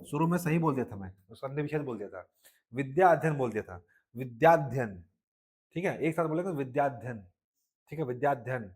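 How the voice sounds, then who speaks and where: A man teaching a Hindi grammar class with a Chhattisgarhi-tinged accent, checking in often with the class and spelling words out slowly. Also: medium pitch, expressive, a little mellow, husky. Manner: drills students with frequent "ठीक है" checks. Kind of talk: live classroom lesson.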